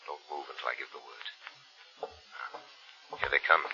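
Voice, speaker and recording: An actor playing an ominous, commanding invisible detective in an old AM radio drama, with theatrical formal diction. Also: male voice, extremely low pitch, little pitch movement, normal speed, sharp tone, full character voice. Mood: calm command. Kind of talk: 1940s radio drama acting. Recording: dull vintage AM radio recording.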